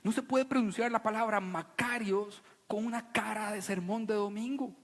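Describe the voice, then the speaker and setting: A man preaching a sermon to a congregation, animated and playful, sometimes mocking a solemn preaching voice. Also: high voice, moderate pace. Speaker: pastor. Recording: long reverb of a church hall.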